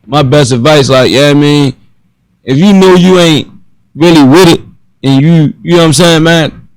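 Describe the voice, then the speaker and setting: A man in his twenties with a Baltimore accent, a guest answering slowly and haltingly, full of fillers. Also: on the high side, clean tone, no room sound, rough recording. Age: 20s. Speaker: guest rapper. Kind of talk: casual interview chat.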